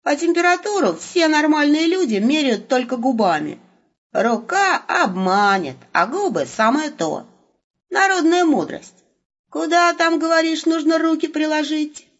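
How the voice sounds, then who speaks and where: A woman reading an audiobook and voicing a blunt, quick-tempered young man known as the Wolf. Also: high voice, lively intonation, pitched above the performer's own voice. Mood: gruff. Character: blunt, grumpy young male companion called the Wolf. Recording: muffled lo-fi recording.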